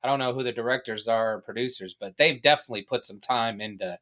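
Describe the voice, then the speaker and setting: Matter-of-fact man, mid-pitched. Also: fast talker, pushed and bright. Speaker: podcast co-host. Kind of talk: casual chat.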